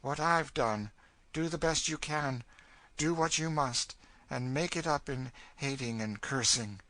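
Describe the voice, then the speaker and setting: A male reader acts out a bitter storybook woman who has given up hope. The pitch is raised and the tone is hard and forceful. She is world-weary and fatalistic, leaning on her words with emphasis. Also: a little slow, dry recording.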